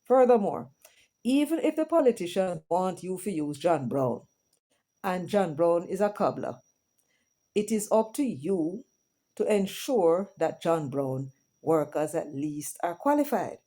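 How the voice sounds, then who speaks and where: With a lowish, dark voice and a sing-song lilt, a middle-aged Jamaican woman hosts her channel a little slowly. She chats informally to viewers in a monologue that moves between patois and English, sprinkled with asides.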